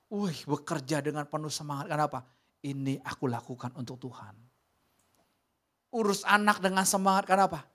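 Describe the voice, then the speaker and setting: Animated preacher. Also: male voice, high-pitched. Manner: animated preaching, swinging from loud calls to soft near-whispers. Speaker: pastor. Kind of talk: sermon. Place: church sanctuary.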